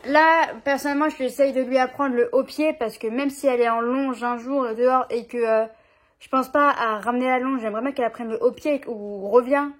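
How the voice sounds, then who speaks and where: A young woman with a slightly high voice talks casually to her camera at home. Her speech is loose and slangy, full of little fillers and restarts, like an easygoing vlog chat. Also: fairly even intonation, a little fast. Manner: chatty, informal, slangy, frequent fillers. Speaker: vlogger.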